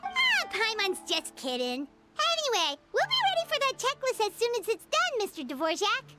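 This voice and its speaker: A tiny boastful sprite girl, squeaking at an extremely high pitch and swooping up and down all over the place as she teases and bosses everyone around. She keeps talking about herself in the third person, with loud game music behind her. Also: wildly swooping pitch, normal speed, exaggerated voice. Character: tiny floating female companion sprite, excitable and boastful. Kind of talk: video game voice acting.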